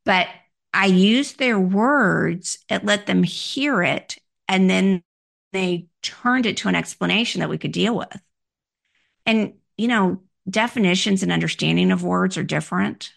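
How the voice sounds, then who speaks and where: A woman giving instructional advice on handling difficult requests, in a measured, explanatory way that poses questions to the listener. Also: mid-range voice, vocal fry. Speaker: workplace communication coach. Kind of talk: instructional talk.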